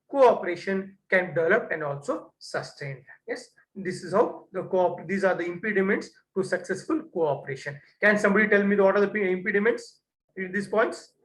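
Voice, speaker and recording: A man's voice: high voice, a bit bright, reverberant, poor audio. A man lecturing a class, often restarting and repeating "what you call".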